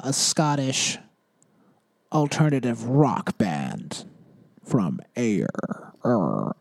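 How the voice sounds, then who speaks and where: A young man talks casually about music, rambling through his thoughts with many fillers and self-corrections. His voice is mellow and relaxed. The recording is dry and close. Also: mid-range voice, creaky, husky, dry recording. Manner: rambling, filler-heavy, laughs at himself. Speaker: podcast host.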